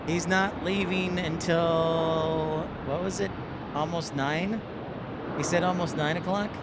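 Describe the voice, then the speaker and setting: A man's voice: on the high side, steady tone, slow. A man hosting a plane-spotting livestream with casual, chatty commentary. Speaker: livestream host. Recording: outdoor airport livestream with background noise.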